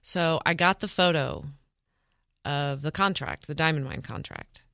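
A woman's voice: low voice, expressive, a little slow, creaky, a bit bright, no room sound, studio quality. A woman, an interview guest, telling a personal story in an earnest, matter-of-fact way.

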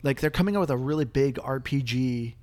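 A young man hosting a casual gaming podcast, chatty and quick to laugh, with plenty of filler words. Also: medium pitch, darkish tone. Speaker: podcast host.

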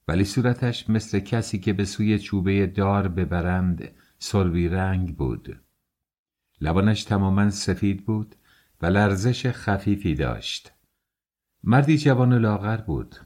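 Audiobook narrator, male, very low voice, measured scripted reading. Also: a little mellow. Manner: reads every character himself, voices shift for dialogue.

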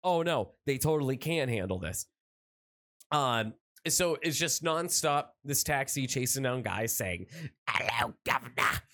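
A man chatting loosely on a podcast, piling up "like" and "uh" as he recaps a story. His delivery is excitable and wandering, at an ordinary pitch for a man. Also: unhurried. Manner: rambling, excited recapping with lots of fillers. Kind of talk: casual chat.

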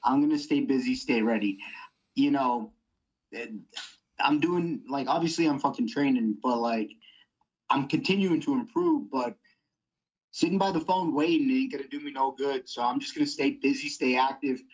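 Blunt, profane young fighter. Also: male voice, medium pitch, normal speed, muffled recording. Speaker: MMA fighter guest. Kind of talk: casual interview.

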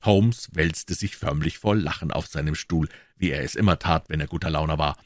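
A man narrating a classic detective story as an audiobook in calm, storytelling fashion. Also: a bass voice, normal speed, no room sound, studio quality. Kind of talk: scripted narration.

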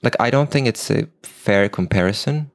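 A young man from Turkey, a native Turkish speaker with a slight British accent, chatting as a guest in a halting, meandering way full of restarts. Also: mid-range voice, animated, no room sound, studio quality. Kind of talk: casual chat.

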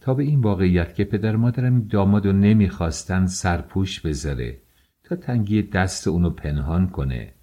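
Deep-voiced man reading an audiobook. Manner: measured, steady storytelling. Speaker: audiobook narrator. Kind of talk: scripted audiobook narration.

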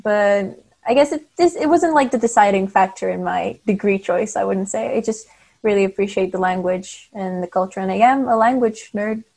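A woman's voice: mid-range voice, moderate pace, gravelly, a little mellow. A woman in her twenties from Bulgaria, a Bulgarian native speaker talking in English as a guest in a casual interview, friendly and chatty with light laughs. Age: 20s. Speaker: guest cosplayer.

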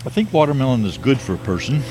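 An older man slowly musing in a plain, matter-of-fact way while filming himself outdoors. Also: mid-range voice, sing-song, a little mellow, soft background music. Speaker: video maker. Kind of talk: rambling self-filmed monologue. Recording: noisy outdoor video clip.

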